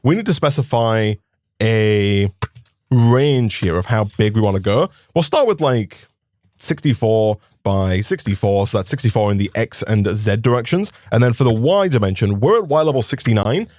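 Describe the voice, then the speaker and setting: A man's voice: lowish voice, animated, normal speed, darkish tone, no echo, studio quality. A man co-hosting a modded survival game, chatty as he explains game mechanics and plans with fillers. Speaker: co-host. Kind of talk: casual gaming chat.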